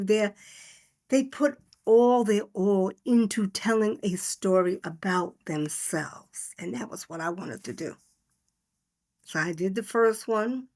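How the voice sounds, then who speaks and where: Middle-aged woman talking from the heart on her podcast, mid pitch, easy unscripted storytelling. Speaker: podcast host. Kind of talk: personal reflective monologue.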